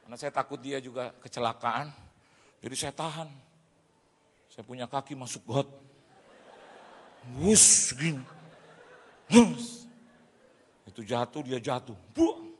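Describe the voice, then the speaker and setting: A man preaching, a pastor telling a funny testimony in an Indonesian accent, acting out shouted dialogue and laughing as he goes. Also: mid-range voice, steady tone, normal speed, pauses often. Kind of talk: humorous sermon testimony. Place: large church hall. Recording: hall reverb from a church.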